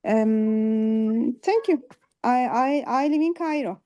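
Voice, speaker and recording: A woman career coach introducing herself over a video call, halting and hesitant. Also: fairly high pitch, warm tone, lo-fi sound.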